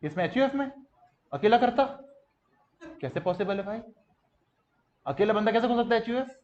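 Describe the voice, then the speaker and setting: Energetic male lecturer, fairly high-pitched, drilling a class in call-and-response; muffled lo-fi recording. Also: a little fast, echoey room, a little hiss or hum. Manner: mixes in English terms. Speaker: teacher.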